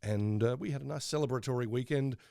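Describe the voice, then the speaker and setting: A man's voice: medium pitch, quick pace, vocal fry, warm tone, no room sound, clean studio sound. An Australian man co-hosting a podcast in casual banter, with a wry, tongue-in-cheek and slightly hesitant way of talking. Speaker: podcast co-host.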